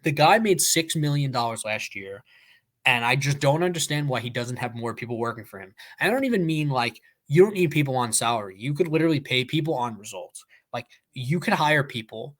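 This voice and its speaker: Fast-talking man on a podcast, full of "like". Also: mid-range voice, animated, fairly bright tone. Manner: talkative, emphatic, many "like" fillers. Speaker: podcast co-host. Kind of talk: casual chat.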